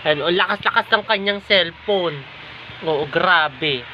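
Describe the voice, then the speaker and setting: A man from the Philippines chats casually into his phone camera while vlogging at home, addressing his viewers as guys over and over. The audio is dull and lo-fi, with steady background noise and the hum of household sounds clearly present. His delivery is loose and conversational. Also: high-pitched, slow pace. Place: at home indoors.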